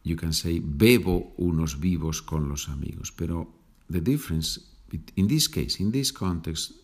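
A man hosting a podcast lesson, patiently explaining Spanish phrases in English and repeating them slowly. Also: sits low. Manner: slow, patient, explains with small laughs and repeats. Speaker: Spanish teacher, podcast host. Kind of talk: slow bilingual language lesson.

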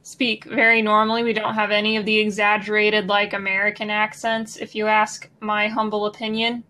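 A woman's voice: medium pitch, monotone, normal speed, pushed and bright. A young woman from Missouri with a Midwestern accent, co-hosting a casual chat podcast in a blunt, sarcastic way. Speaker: podcast co-host.

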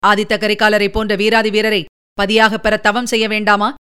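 A woman reading a Tamil story, voicing a young male warrior noble with hurried, earnest warnings. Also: mid-range voice, completely flat delivery, pushed and bright, clear, resonant tone, natural voice. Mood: urgent.

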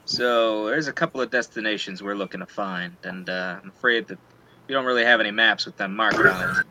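A man with a fairly low voice plays a tabletop game, talking casually and slipping lightly into role-play. Noticeable noise runs through the recording. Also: fairly quick. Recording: noisy home voice recording.

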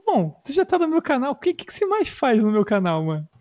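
High-voiced Brazilian streamer, slangy and loose. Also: male voice, huge pitch swings, quick pace, darkish tone, highs cut off. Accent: Brazilian Portuguese. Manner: loose, slangy and profane, with many fillers. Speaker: streamer hosting his channel. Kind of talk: casual chat.

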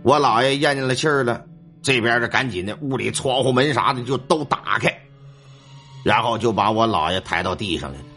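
A man telling a ghost story in a colloquial, animated way. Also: medium pitch, a little fast, faint music behind.

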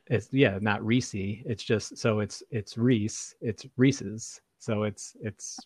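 Laid back guy chatting, lowish voice, kinda rambly, dry close sound. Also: steady tone, slow pace, dry recording. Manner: easygoing, rambling with restarts. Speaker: podcast co-host. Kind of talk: casual chat.

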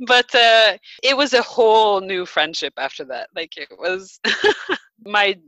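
A woman in her thirties telling a personal story in casual chat, animated, laughing often and using many fillers. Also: medium pitch, slow pace, no room sound, low-quality recording.

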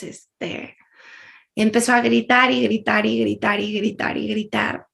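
Gravelly-voiced woman sharing a story. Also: a little high. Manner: earnest, laughs often, many fillers. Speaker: interview guest. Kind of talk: candid conversational storytelling.

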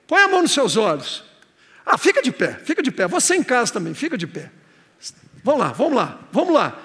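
High-pitched gravelly Brazilian pastor preaching. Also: male voice, long reverb tail. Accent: Brazilian Portuguese. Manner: swings between hushed prayer and shouted exhortation. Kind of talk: sermon. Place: church service with congregation.

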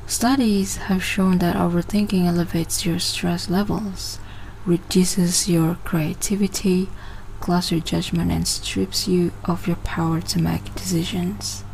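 A woman's voice: on the low side, creaky, darkish tone, slight background noise, poor audio. A woman in her twenties from Malaysia, hosting a casual personal podcast and often hesitating and restarting her phrases. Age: 20s. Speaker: podcast host.

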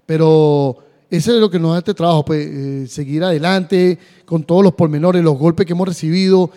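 A man co-hosting a sports podcast talks in a chatty, upbeat way. His voice is on the high side yet soft and mellow in tone. A long reverb hangs around him from the room. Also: fairly even intonation, normal speed. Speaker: podcast co-host. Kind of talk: casual chat.

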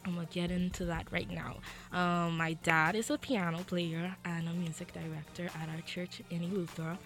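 A woman's voice: on the low side, little pitch movement, moderate pace, fairly bright tone, faint music behind. A young woman from the Bahamas with a Bahamian accent, a singer answering interview questions earnestly in a radio studio. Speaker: guest singer.

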